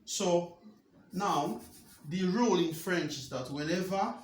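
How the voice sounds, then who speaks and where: A man teaching a French grammar lesson, explaining patiently and repeating key points with quick rhetorical checks. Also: sits high, echoey room, slight background noise.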